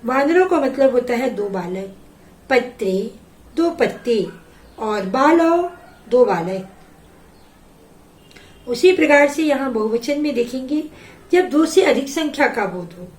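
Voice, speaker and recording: Lady teacher going slow thru sanskrit words, echoey room. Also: high-pitched, lively intonation, darkish tone. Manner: reads each word, then gives its meaning. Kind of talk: slow classroom explanation.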